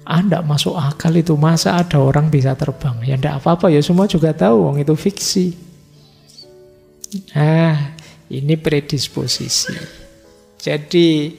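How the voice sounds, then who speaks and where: A middle-aged man, giving a relaxed, conversational philosophy lecture full of everyday examples. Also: on the high side, creaky. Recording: lecture hall reverb with faint music.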